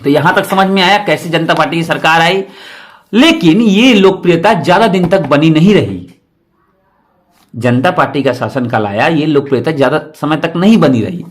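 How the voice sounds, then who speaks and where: A man's voice: a little high, lively intonation, moderate pace. Rephrasing man teaching history. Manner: explains, rephrases, asks rhetorical questions. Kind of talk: exam-prep history lecture.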